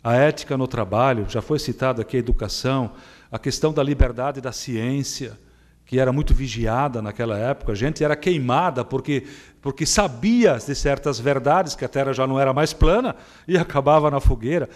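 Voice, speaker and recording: Brazilian man, mid-pitched, speaking to a council chamber; halting, with many filler sounds. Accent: Brazilian Portuguese. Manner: hesitant, with frequent filler sounds and restarts. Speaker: guest speaker at a church anniversary ceremony. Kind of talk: formal ceremonial speech.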